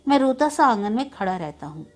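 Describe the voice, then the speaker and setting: A woman's voice: fairly high pitch, big pitch swings, brisk, a little mellow. A woman voicing a small boy grieving for his dead mother, pleading and insistent.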